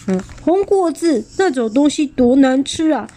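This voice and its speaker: A woman's voice: high voice, animated, normal speed, warm tone, pitched above the performer's own voice. A woman voicing a sly, menacing grown male tyrannosaurus in a storybook reading, with sneering chuckles and an insistent manner.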